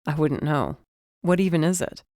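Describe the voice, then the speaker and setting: A woman voicing a wry, deadpan male police detective in an audiobook. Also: low-pitched, normal speed, no room sound, studio quality.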